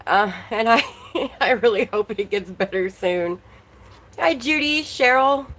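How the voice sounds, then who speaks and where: A chatty woman hosting a relaxed livestream, talking along and greeting viewers by name. Her voice is a little worn, as if she is losing it. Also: fairly high pitch, a little slow, rough recording. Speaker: livestream host. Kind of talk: casual livestream chat.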